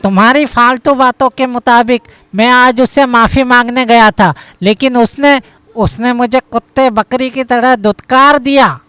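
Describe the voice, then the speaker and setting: A voice actor plays a hot-headed young cartoon husband who blusters and threatens revenge. The voice is smooth, mid-pitched and dry. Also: fairly even intonation, moderate pace, pushed and bright, no room sound, natural voice. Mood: raging. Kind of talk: cartoon voice acting.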